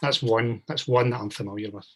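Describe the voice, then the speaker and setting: A man's voice: mid-range voice, steady tone, fairly quick. A man from Glasgow, an attendee asking a long, polite, thoughtful question at an online meetup. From Glasgow, Scotland. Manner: polite and thoughtful, building up his question at length.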